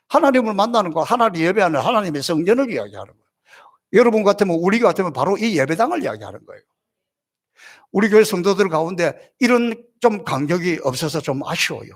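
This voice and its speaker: A middle-aged male pastor preaching a passionate sermon, swinging from loud cries to soft, gentle murmurs. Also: sits high. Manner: acts out God's reassuring words gently.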